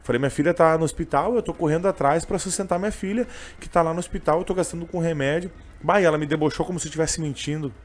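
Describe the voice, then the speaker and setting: A young man with a gaúcho accent talks quickly in a voice pitched a little high. He tells his story in a casual interview, rambling and emotional, with many fillers. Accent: gaúcho Portuguese. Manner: emotional, rambling, full of fillers like "cara" and "bah". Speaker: interviewee, train vendor and singer.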